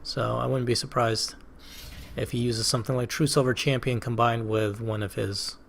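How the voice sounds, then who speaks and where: Gravelly man thinking aloud over a card game. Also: medium pitch, level tone, moderate pace, fairly bright tone, slight background noise. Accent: Boston. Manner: thinking aloud, hesitant, self-questioning. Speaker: gaming channel host. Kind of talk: casual let's play commentary.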